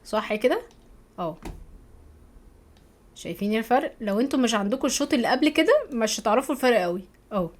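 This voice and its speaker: An Egyptian woman teaching a software course over a screen recording, chatty, often checking in with her viewers. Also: a little high, sing-song, very fast. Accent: Egyptian Arabic. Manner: chatty, keeps asking "تمام؟", thinks aloud while clicking.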